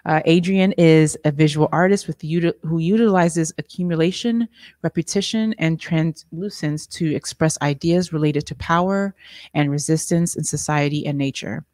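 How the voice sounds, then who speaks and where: A woman moderating a gallery panel, reading speaker introductions in a halting way with restarts. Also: sits low, darkish tone, dry recording, clean studio sound. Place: art gallery room, indoors.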